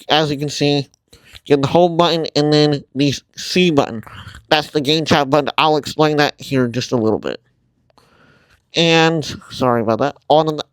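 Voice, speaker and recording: A man hosting a casual tutorial vlog, talking informally and haltingly through a mask that muffles his mouth, often apologetic. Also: on the high side, smooth, no echo, rough recording. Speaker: video host.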